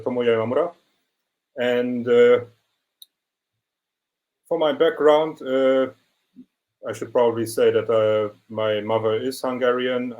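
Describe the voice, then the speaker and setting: A young man, a photographer giving a measured, explanatory presentation of his work over a video call. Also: medium pitch, darkish tone, poor audio. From Germany. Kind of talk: online portfolio presentation.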